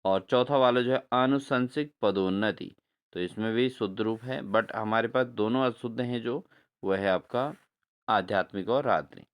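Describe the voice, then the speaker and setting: Man, exam-prep teacher, smooth clear voice, mid pitch, quizzes viewers and spells words slowly. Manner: repeats answers as questions to viewers, addresses them as friends.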